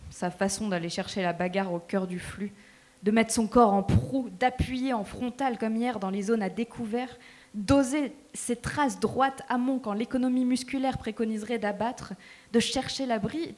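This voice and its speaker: A woman narrating a novel in a live stage reading, measured and expressive. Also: on the high side. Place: small theatre stage.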